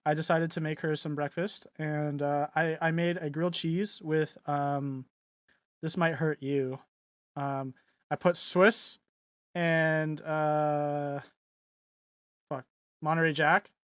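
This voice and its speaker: A man's voice: a little high, little pitch movement, slow, long pauses, clean tone, no room sound, studio quality. A young man co-hosting a podcast, chatting casually and rambling with many fillers and restarts. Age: young adult. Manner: mimics voices loudly in quotes. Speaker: podcast co-host. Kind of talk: casual chat.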